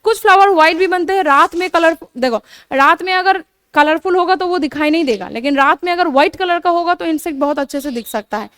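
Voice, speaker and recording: A woman's voice: extremely high pitch, fast talker, fairly bright tone, no echo. A young woman teaching biology in a coaching class, explaining terms with frequent check-ins, repeating herself and correcting her own slips. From India. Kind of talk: classroom lecture mixing Hindi and English terms.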